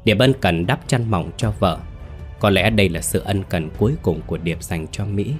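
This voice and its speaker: A man narrating a scripted ghost story in a steady storytelling manner with dramatic asides. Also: low-pitched, moderate pace. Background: faint background music.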